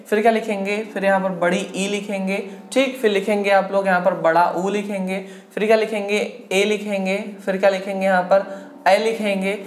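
A woman teaching an exam-prep language lesson, drilling the class with questions she answers herself. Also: mid-range voice. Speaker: Hindi teacher. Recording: echoey room.

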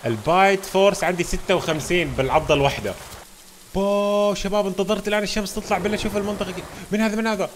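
Guy doing game commentary super fast, kinda high voice, hypes up the viewers the whole time. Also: a little hiss or hum. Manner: excitable, constantly talking to viewers as "guys". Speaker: gaming channel host. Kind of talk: let's-play game commentary.

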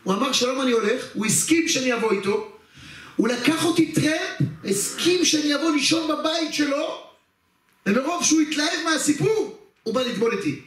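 A man's voice: extremely high pitch, expressive, fairly bright tone. A man, a rabbi, telling a personal story during a religious talk, addressing the audience directly and acting out the scenes. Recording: very echoey hall, far from the mic.

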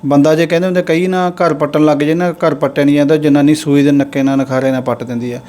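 A young man with a Punjabi accent speaks in a somewhat high, mellow voice. He talks earnestly as an interview host, lecturing in long, drawn-out phrases. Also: fairly even intonation. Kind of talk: casual street interview and commentary.

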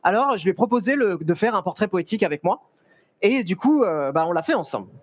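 A young man talks to a fair audience from a stage, his high voice picked up by a headset mic. He is chatty and lively, often restarting his sentences and joking with the crowd. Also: fast, no room sound. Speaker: photographer giving a talk. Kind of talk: live stage presentation. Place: stage at a trade fair, large indoor hall.

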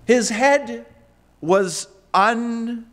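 A middle-aged man preaching a sermon from a church lectern, swinging between hushed low phrases and raised emphatic ones. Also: extremely slow. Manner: emphatic preaching with wide swings in pitch and loudness, gesturing. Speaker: pastor. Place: church sanctuary, indoors.

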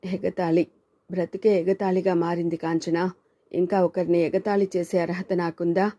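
A woman's voice: fairly low pitch, little pitch movement, moderate pace, warm tone, natural voice. A woman voicing a heartbroken, resigned woman novelist in a storybook reading, speaking with bitterness. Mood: bitter.

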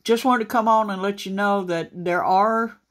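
A man, a truck driver, talking casually and haltingly to his viewers, with many fillers and restarts. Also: high voice, steady tone, fairly bright tone. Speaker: trucker vlogger. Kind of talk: casual talk to camera. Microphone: phone camera pointed at a laptop screen.

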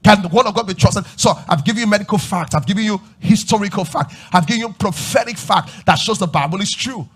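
A man preaching a sermon on a church stage, asking the crowd questions and rising to shouts as he moves about. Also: high-pitched, quick pace, hardly any pauses, husky. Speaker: pastor. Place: large church stage with audience.

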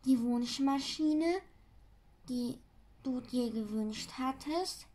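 Woman reading as the sams, cheeky little creature, bit high, talks slow and pert. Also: warm tone.

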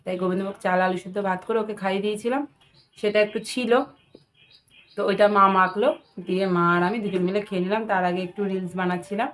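A woman's voice: mid-range voice, steady tone, quick pace, fairly bright tone. A woman vlogging her daily routine as a home tutor, chatting casually and directly with her viewers.

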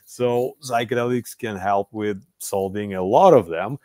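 Deep-voiced young man, dry and close. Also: a little slow, warm tone, no echo. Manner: thoughtful, searching for words, laughs easily. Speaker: podcast host. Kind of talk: casual conversation. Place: home room with bookshelf, video call.

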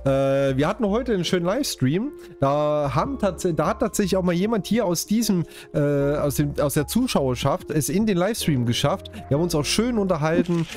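A man's voice: on the high side, lively intonation, brisk, hardly any pauses, darkish tone, faint music behind. A man from Saxony chatting casually to his viewers while playing a game, jokey and talkative. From Saxony, Germany. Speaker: gaming YouTuber. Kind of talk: casual let's-play commentary.

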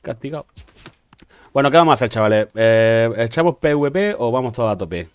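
A man's voice: medium pitch, lively intonation, brisk, smooth, dry recording. A man with a Spain Spanish accent giving casual, teasing gaming commentary to his teammates. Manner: playful, teasing, slangy banter. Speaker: gaming streamer.

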